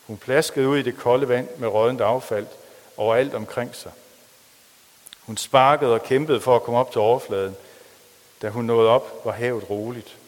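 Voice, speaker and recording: Guy preaching in a church hall, reads a story out with feeling, long echo. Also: mid-range voice. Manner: reads aloud with feeling, then talks plainly with pauses and restarts. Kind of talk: sermon with a read-aloud story.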